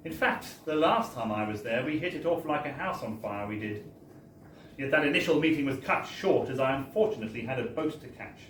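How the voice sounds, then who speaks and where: Reading a comic story from his humorous book at a live bar launch, a man sounds wry, theatrical and mock-formal. His medium-pitched voice is animated, fairly bright and a little fast. The audio, captured indoors, is distant and echoey with faint noise.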